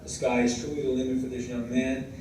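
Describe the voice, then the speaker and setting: An American man, a head coach giving a semi-scripted tribute speech in a halting way, moving between read-out praise and informal asides. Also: medium pitch, little pitch movement. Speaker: high school baseball head coach. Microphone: distant microphone. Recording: very echoey room, distant mic, clear background noise.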